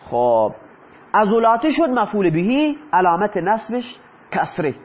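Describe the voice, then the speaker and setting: A man's voice: high voice, sing-song, husky, dull audio. A man teaching Arabic grammar in Persian, often asking his students a question and then answering it himself. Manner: asks the class questions and answers them himself. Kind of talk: explaining lesson in Persian.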